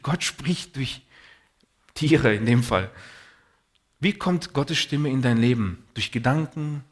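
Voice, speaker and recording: Husky preacher telling a story. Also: male voice, medium pitch. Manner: earnest, personal storytelling with Bible readings. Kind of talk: sermon.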